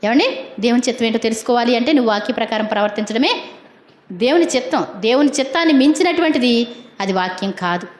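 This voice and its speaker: A woman's voice: a little high, animated, fast, roomy sound. A woman preaching a sermon in a chatty, colloquial way, keeps asking her congregation questions.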